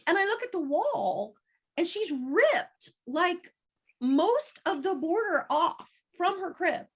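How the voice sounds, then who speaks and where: A middle-aged woman telling stories about her daughter's childhood in a casual podcast chat, vivid and expressive. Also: extremely high pitch, slow pace. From rural United States farming community. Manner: animated storyteller, acts out voices in quotes. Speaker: guest, mother of the co-host.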